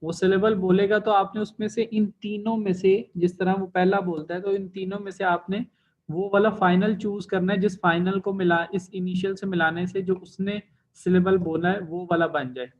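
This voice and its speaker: A man teaching a lesson, walking through each exercise patiently and pausing on fillers. His voice sits a little high. The recording sounds dull and lo-fi. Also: flat delivery. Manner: patient, stepwise explaining with many fillers. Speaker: language teacher.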